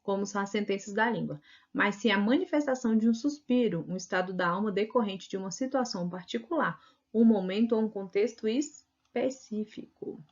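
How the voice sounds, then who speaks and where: A woman's voice: medium pitch, a little fast. A Brazilian woman teacher giving an online video lesson, chatty and constantly adding "né?" to check in with her students. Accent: Brazilian Portuguese. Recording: dull lo-fi recording.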